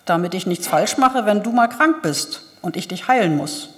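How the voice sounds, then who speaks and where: A woman's voice: medium pitch, animated, normal speed, a bit bright, natural voice. A woman reading the lines of a blunt, scornful young male doctor in a plain, matter-of-fact way. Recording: long hall reverb.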